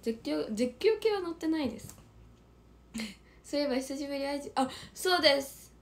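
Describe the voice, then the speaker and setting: A woman with a Kansai accent and a hoarse, strained throat, chatting casually on a livestream and reading out viewer comments, often dropping into a breathy whisper. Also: high-pitched, expressive, normal speed. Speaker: idol livestreamer.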